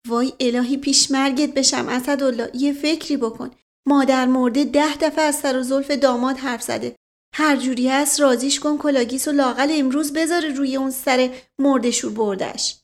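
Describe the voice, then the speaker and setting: A woman's voice: high voice, steady tone, voice pushed up. A woman voicing a fussing, pleading older lady. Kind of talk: audiobook character reading.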